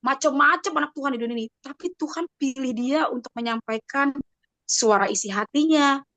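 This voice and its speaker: A woman's voice: high-pitched, brisk, sharp tone, no echo. A woman giving a personal testimony on a video call, telling her story with animation and acting out the voices of others.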